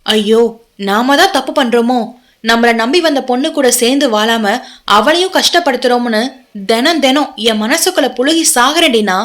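A woman's voice: sits high, moderate pace, a bit bright. A woman voicing a bitter, betrayed young husband who scolds harshly in an audio novel. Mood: furious.

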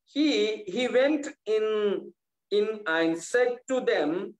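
A male pastor preaching a sermon, repeating his phrases and restarting with halting pauses. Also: high-pitched, lively intonation, low-quality recording.

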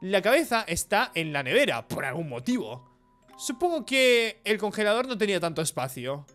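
Animated young Spanish-gaming host; high, lively commentary. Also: male voice, moderate pace, faint music behind. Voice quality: animated, jokey. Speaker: gaming youtuber. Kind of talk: let's play commentary.

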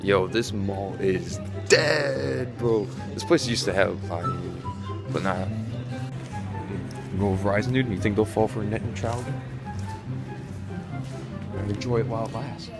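Young male vlogger, lowish voice, phone at arm's length, excitable, "dude" every line, loud music behind. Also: measured pace, vocal fry, pauses often. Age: young adult. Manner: says "dude" and "bro" constantly, excitable. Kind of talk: casual vlog chat. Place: shopping mall and cinema, indoors. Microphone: handheld phone at arm's length.

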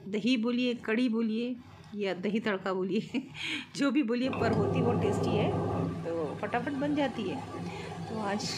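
A woman's voice: a little high, heavy background noise. Chatty woman walking through home cooking. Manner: chatty, explains step by step, light laughs. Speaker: cooking vlogger. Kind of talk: casual cooking narration. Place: home kitchen.

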